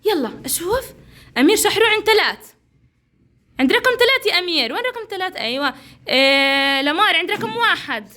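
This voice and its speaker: A woman's voice: extremely high pitch, big pitch swings, fast talker, pushed and bright. A woman teacher, coaxing and praising young children through a counting game. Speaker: preschool teacher.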